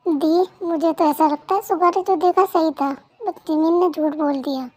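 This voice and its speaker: A woman's voice: extremely high pitch, normal speed, a little mellow. A woman voicing an observant older sister who confides her suspicions, in a Hindi fan dub. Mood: suspicious.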